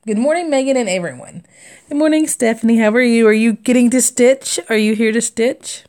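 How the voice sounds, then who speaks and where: Reading viewer comments during her live stitching stream, a Southern woman in her thirties chats casually and laughs often. Her voice is a little high and a little mellow, and she talks briskly.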